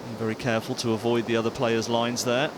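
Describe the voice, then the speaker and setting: A man works as a golf commentator, talking through play like a former player. His pitch is average and his delivery is measured and sympathetic. A clear rumbling noise sits behind his voice. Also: level tone.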